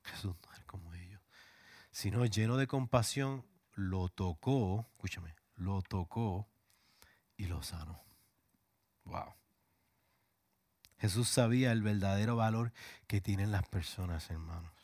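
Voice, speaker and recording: A man's voice: on the low side, takes it slowly, long pauses, a little mellow, no echo, clean studio sound. A male pastor preaching a sermon with passion, sometimes dropping to a whisper. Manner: impassioned, drops to a whisper at times.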